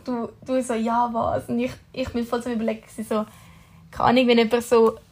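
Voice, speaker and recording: A woman's voice: a little high, level tone, fast talker, a little mellow. Chatty young Swiss German woman. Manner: chatty, mixes in English slang. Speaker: podcast co-host. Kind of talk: casual chat.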